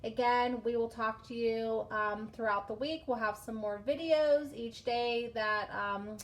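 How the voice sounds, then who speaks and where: A woman's voice: fairly high pitch, steady tone, unhurried. A woman teaching a craft lesson to preschool children in a patient, sing-song way. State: out of breath from blowing through a straw.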